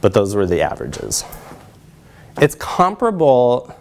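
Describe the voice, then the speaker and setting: With huge pitch swings, a measured pace, vocal fry and a darkish mid-range voice, a man in his thirties presents academic research in a lecture room beside a projection screen. He is a social work researcher who talks conversationally and checks in with the audience through short tag questions.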